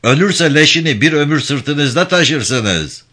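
Guy doing a stubborn old wise man, slow loud preachy lines, swings up high. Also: expressive, exaggerated voice. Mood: preaching, defiant. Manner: proclaiming, slow and lofty. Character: stubborn old male sage preaching against weapons.

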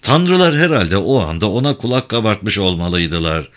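A man reading a novel aloud in a dramatic, measured audiobook narration. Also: fairly low pitch, sing-song, a bit bright.

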